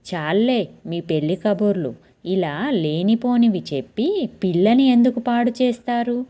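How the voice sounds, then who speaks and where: A woman's voice: moderate pace, mellow, lightly acted. A woman voicing a snappy, jealous young wife. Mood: sharp. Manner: snappy, raised pitch. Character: quick-tempered young wife, sharp and jealous.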